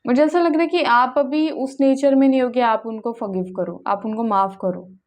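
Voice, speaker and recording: A woman's voice: fairly high pitch, steady tone, normal speed, darkish tone. A young woman giving a casual, chatty tarot reading to her viewers, often checking in with "okay?" and mixing in English words. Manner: chatty, keeps asking "okay?" and mixes in English. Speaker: tarot card reader.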